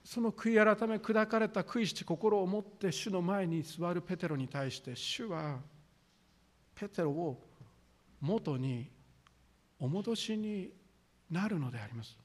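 牧師の男性が、丁寧な文末で、ゆっくりと厳かに説教している。. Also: male voice, high-pitched. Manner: solemn, deliberate preaching with formal sentence endings. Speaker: pastor. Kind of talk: sermon.

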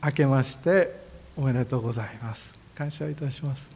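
A man serving as a church pastor, leading a formal prayer and then preaching in a relaxed, friendly way. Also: mid-range voice, brisk, slightly rough. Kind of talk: prayer and sermon. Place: church sanctuary.

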